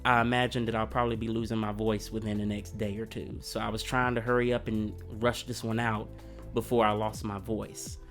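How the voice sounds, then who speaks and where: A man on the low side, with little pitch movement and a fairly quick pace, delivers reflective history commentary as a channel host. He's coming down with a cold but stays earnest and conversational, with faint music playing behind.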